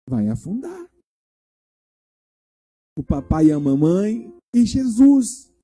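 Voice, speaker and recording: A male pastor giving a children's sermon in a church, retelling a story and asking the children questions as he goes. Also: very high-pitched. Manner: animated, asks the children questions.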